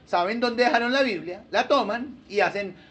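A man's voice: very high voice, moderate pace, slight background noise. A male pastor, preaching a sermon and acting out churchgoers in playful voices. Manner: animated, acts out churchgoers in funny voices.

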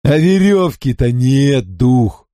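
A man voicing a scornful, fearless male vagrant who mocks and shouts defiantly. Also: fairly high pitch, a little slow, no room sound, studio quality, pitched above the performer's own voice, natural voice. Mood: mocking.

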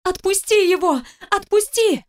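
A frightened young wife, her voice jumping high and shrill as she insists, voiced by a woman narrator. Every word comes out urgent and pleading. A storybook heroine caught in a panic. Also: moderate pace, natural voice.

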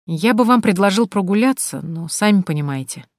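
A woman reading the part of an attentive, courteous male businessman who talks calmly and gently flatters. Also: mid-range voice, a little fast, no room sound, clean studio sound, close to an everyday voice.

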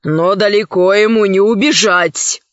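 A woman voicing a tall, thin, grumpy male magician who mutters slowly and gruffly. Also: mid-range voice, no room sound, muffled recording, natural voice. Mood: grumbling.

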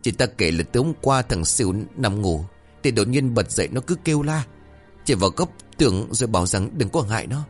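A man's voice: lowish voice, animated, soft background music. A man voicing an anxious young servant. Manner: deferential, hurried. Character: anxious young male servant reporting news.

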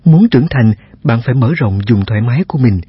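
Very husky man narrating self-help. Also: mid-range voice, fast. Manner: steady reading voice with rhetorical questions to the listener. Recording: dull, slightly lo-fi sound.

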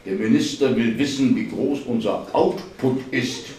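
A man's voice: mid-range voice, unhurried, a little mellow, natural voice. A man reading aloud voices a bristling, sarcastic office scholar who spits out bureaucratic jargon with scorn. The voice sounds distant from the microphone and rings through a strongly reverberant hall. A faint hum of ambience sits underneath. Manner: sarcastic, exasperated outbursts. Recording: echoey hall, voice far from mic.

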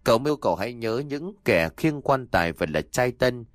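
A man's voice: mid-range voice, expressive, fairly quick, no room sound, studio quality, lightly acted. A man voicing a stern old male exorcist who gives solemn, commanding instructions.

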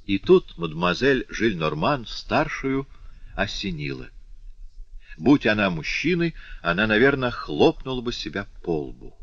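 A man narrating a classic novel in measured storytelling with a touch of dry irony. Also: lowish voice, sing-song, gravelly, fairly bright tone, husky, dry recording, lo-fi sound. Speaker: audiobook narrator.

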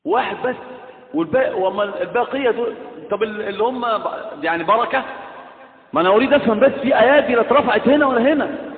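A man's voice: very high voice, expressive, fast talker. A man with an Egyptian accent giving a religious lesson to students, questioning the class and mixing classical with colloquial Arabic. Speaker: religious teacher. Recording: echoey hall, tinny lo-fi sound.

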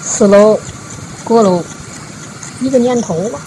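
A woman giving a Buddhist dharma talk, retelling a parable in a folksy storytelling way, with frequent drawn-out filler particles. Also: medium pitch, mellow, a little hiss or hum, rough recording. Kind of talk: storytelling sermon.

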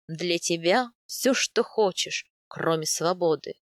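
A woman voicing a young steppe man, a teasing and tender captor, speaking low, slow and coaxing for an audiobook. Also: dry recording, clean studio sound. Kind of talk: audiobook character voice.

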